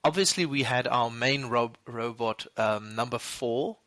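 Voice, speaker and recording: A man with a mid-range, fairly bright voice and no room sound co-hosts a casual movie podcast. He rambles, restarts frequently and laughs quickly.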